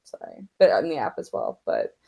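A young American woman from Oklahoma in casual, opinionated conversation, halting and full of fillers but emphatic. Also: a bass voice, huge pitch swings, gravelly, dark tone, a little hiss or hum. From Oklahoma, United States.

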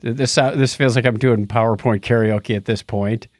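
A podcast host chats casually and jokingly about tech news, slipping into theatrical, self-deprecating announcer mode. His medium-pitched voice is steady, moderately paced and a little mellow, captured in a dry, clean studio recording.

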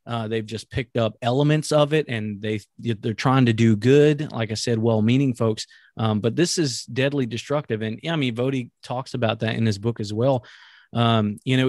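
A man's voice: mid-range voice, fairly even intonation, darkish tone, dry recording. Earnest man in a dry, close recording. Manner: earnest, measured, frequent ums and restarts.

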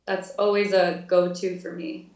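A woman's voice: lowish voice, level tone, measured pace, darkish tone, dull audio, slight background noise. Chatty young woman, roomy distant sound. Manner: chatty, laughs often, filler-heavy. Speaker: guest, music therapy intern. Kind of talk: casual interview chat.

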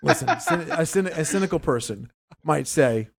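A male talk show host rambles through his points, often stumbling and restarting. His fairly high voice swings widely in pitch and carries a gravelly rasp. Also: normal speed. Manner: rambling, animated, stumbles over words. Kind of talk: casual investing talk show banter.

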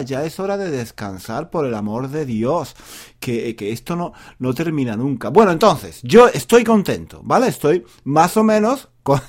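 Slow, lively Spanish-male teacher. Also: fairly high pitch. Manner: playful, joking, repeats every phrase. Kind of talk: slow, repetitive Spanish practice monologue for learners.

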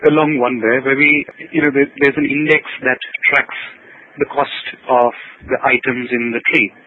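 A man's voice: medium pitch, steady tone, normal speed, no room sound. Man, journalist guest, hesitant with fillers, thin phone-like sound. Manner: hesitant, with many fillers and restarts. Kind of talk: conversational podcast interview. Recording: tinny phone-like audio.

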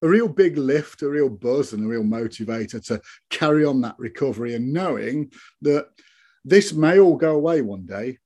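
A man's voice: mid-range voice, expressive, normal speed, warm tone. A man in his early fifties giving a reflective personal account as an interview guest, speaking in an earnest, matter-of-fact way. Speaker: interview guest, stroke survivor.

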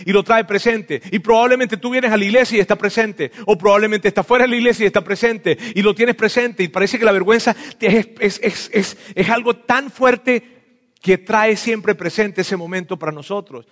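High-voiced man preaching in a hall. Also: normal speed. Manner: animated preaching, acts out voices, swings from loud to hushed. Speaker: pastor. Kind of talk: sermon. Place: church hall. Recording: long reverb of a hall.

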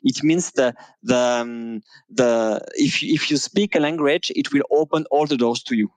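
A man with a French accent, a native French speaker, talking as an interview guest in casual conversation, hesitant with many pauses and restarts. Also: medium pitch, no room sound, low-quality recording.

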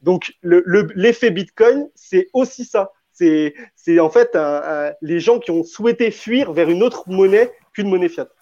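A man's voice: high-pitched, expressive, measured pace, hardly any pauses, mellow, dry recording. A man arguing in a debate, hesitant, often restarting and repeating words. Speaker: debate panelist. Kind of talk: spontaneous debate argument. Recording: dull, dry lo-fi audio.

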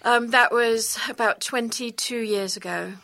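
A woman's voice: a little high, steady tone, unhurried, gravelly, sharp tone. A middle-aged woman from the UK with a British accent, chatting as a guest in a podcast studio with self-deprecating humor. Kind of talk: casual interview chat.

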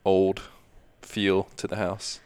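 A man's voice: low-pitched, monotone, slow pace, a little mellow, clean tone, dry recording. A young man co-hosting a podcast, chatting in a laid-back, joking way. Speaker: podcast co-host. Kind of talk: casual chat.

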